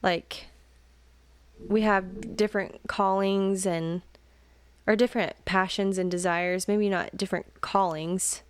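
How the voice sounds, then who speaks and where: A young woman co-hosting a casual podcast chat, thinking out loud with many fillers and the odd joking aside. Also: medium pitch, steady tone, slow pace, background noise. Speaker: podcast co-host.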